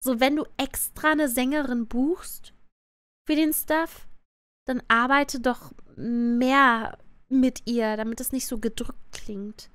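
High, cute anime-streamer woman. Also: steady tone, slow, a bit bright, no room sound. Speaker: VTuber streamer reviewing a cartoon song dub. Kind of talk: casual reaction commentary on a livestream.

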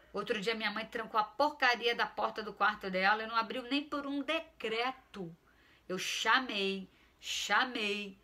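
A woman's voice: medium pitch, bright, forceful tone. A woman voicing a pushy, sulky teenage boy who pleads insistently with his mother in a read-aloud story. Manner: insistent, exasperated, wheedling. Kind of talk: storytelling reading.

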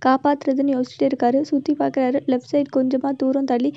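A woman's voice: sits high, little pitch movement, fast talker, mellow, no room sound. A woman narrating a serial story in Tamil-language storytelling style, reading out every character herself. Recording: dull, lo-fi sound.

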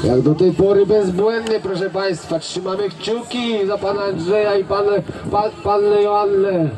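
A man calling an outdoor driving event over a public address microphone, his voice sitting fairly high and his delivery unhurried. He chats to the crowd directly between runs. Loud music plays behind him. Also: fairly even intonation, rough recording. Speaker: event announcer. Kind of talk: live sports commentary over a public address. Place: outdoor carriage-driving competition field.

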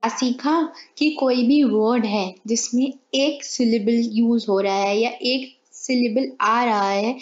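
A woman's voice: on the high side, lo-fi sound. A woman teaching a grammar lesson, explaining step by step and asking and answering her own questions.

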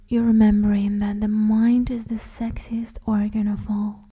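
With a mid-range voice that is very dark and velvety, a woman leads a guided meditation, often sinking toward a whisper. She sounds soft, breathy, and half-whispered, speaking slowly and soothingly with even intonation while gently instructing.

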